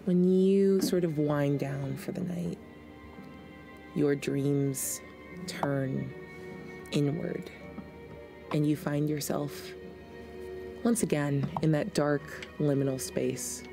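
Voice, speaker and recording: Taking her time with long pauses, a middle-aged game master narrates a tabletop RPG in a tavern-styled indoor studio. She has a deep, gravelly voice and speaks over music.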